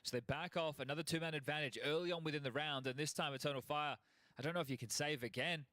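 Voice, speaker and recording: A man's voice: a little high, fast, sharp tone, no echo. A man giving esports color commentary in a chatty way, with self-deprecating jokes between his breakdowns of the play. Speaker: esports analyst.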